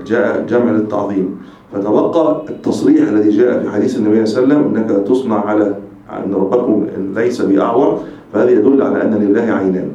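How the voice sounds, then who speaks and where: A man teaches a religious text as a sheikh, talking quickly in a dark, mellow voice. He explains emphatically and restates his points. The sound is a dull, distant recording in a very echoey room. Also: lowish voice. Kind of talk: religious lecture.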